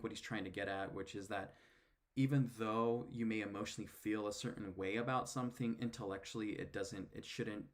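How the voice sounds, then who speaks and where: A man with a daughter, responding in casual commentary, halting often with fillers and restarts. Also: on the low side. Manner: hesitant, many fillers and restarts. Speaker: video commentator.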